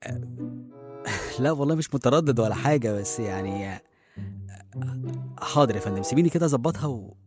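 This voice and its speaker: A man's voice: medium pitch, lively intonation, fast talker, long pauses, natural voice. An actor with an Egyptian accent playing a harried, well-meaning middle-aged father in a radio serial, conversational and often hesitant. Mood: flustered, polite. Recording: music behind the voice.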